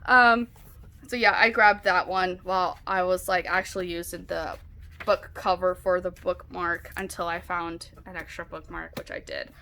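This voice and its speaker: A woman's voice: on the low side, fairly even intonation, moderate pace, bright, forceful tone. Chatty woman rambling about books. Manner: chatty, rambling, many fillers like "like" and "um". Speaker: book vlogger. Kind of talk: casual chat. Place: home, with a dog nearby.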